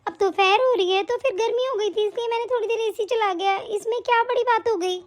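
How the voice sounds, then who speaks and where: Cartoon young mother, defensive and wounded, very high-pitched, voiced by a woman. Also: a little fast. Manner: pleading, defensive. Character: young new mother staying with family, hurt, defensive. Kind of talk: animated story voice acting.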